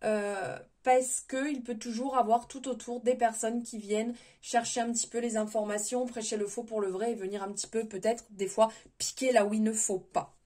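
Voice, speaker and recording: A woman giving a spontaneous spiritual tarot reading, gentle and advising, often hesitating and restarting her words. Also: on the high side, steady tone, normal speed, few pauses. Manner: hesitant, many fillers and restarts. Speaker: tarot reader.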